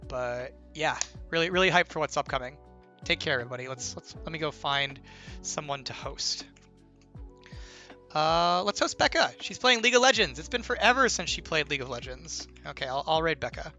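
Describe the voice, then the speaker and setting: During a casual livestream Q&A, a young game designer rambles and teases, relying heavily on "like" and "right?". His voice is on the high side with lively intonation, fairly quick, bright and forceful, a touch strained from illness, with soft music behind it.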